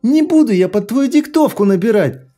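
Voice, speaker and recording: A man reading an audiobook, voicing a spiteful teenage boy who screams taunts and breaks into a shrill falsetto. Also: big pitch swings, moderate pace, mellow, soft background music. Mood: hysterical. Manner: screaming taunts, mocking simpering put-on voice.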